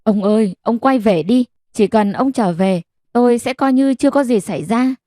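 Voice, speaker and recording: A woman voicing a gentle, worn-out middle-aged wife who pleads tearfully in an audiobook. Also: fairly high pitch, moderate pace, no echo, clean studio sound, natural voice. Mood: pleading.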